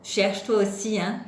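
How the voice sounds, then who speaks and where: A young woman speaks slowly and patiently to small children, in the gentle sing-song of a preschool teacher. Her voice rings in a roomy, echoey space, with a faint hum underneath. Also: medium pitch. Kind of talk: home-schooling lesson for young children.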